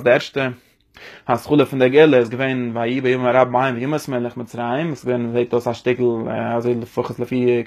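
A man giving a spoken religious lesson, rambling and restarting, mixing in Hebrew and English words. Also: medium pitch. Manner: mixes Yiddish with English and Hebrew terms. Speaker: teacher.

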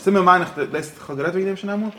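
A man teaching a religious-philosophy lesson, talking rapidly and repeating himself, dropping English phrases into his explanations. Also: high voice, a bit bright, a little hiss or hum. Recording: echoey room.

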